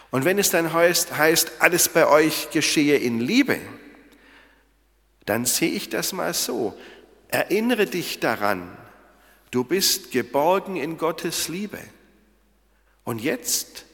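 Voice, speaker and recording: A man's voice: on the high side, a bit bright. A man preaching a sermon on a Bible verse, talking in a conversational way and asking his listeners questions. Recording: long hall reverb.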